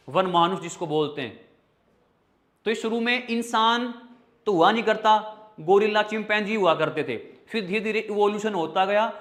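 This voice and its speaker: An English teacher with a Hindi accent runs an online vocabulary class in a high, fairly bright male voice. He poses questions and answers them himself, spells words out in pieces, and calls his students brother and child.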